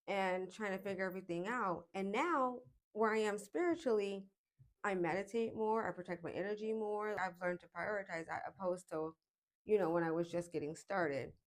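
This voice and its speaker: A woman in her late twenties talking to camera in a casual self-help vlog, reflective and chatty, with frequent pauses and fillers. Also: medium pitch. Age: 20s. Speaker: vlogger.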